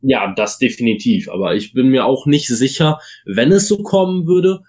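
With a darkish tone, a mid-range voice and a moderate pace, this German-accented man co-hosts a casual wrestling show. He argues his views with conviction, pausing often on fillers as he weighs things up.

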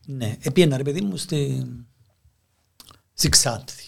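A man's voice: mid-range voice, lively intonation, vocal fry, a little mellow, breathy edge. A man with a Greek Cypriot accent, chatting casually in colloquial dialect as a podcast guest. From Cyprus. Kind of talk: casual conversational interview.

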